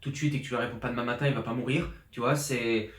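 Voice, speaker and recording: Recorded on a borrowed professional journalist mic in his apartment, this twenty-something fitness coach races through an informal vlog about his year, excited and rambling with lots of fillers and false starts. His mid-range voice is fairly bright with mostly even intonation, and the room sounds reverberant.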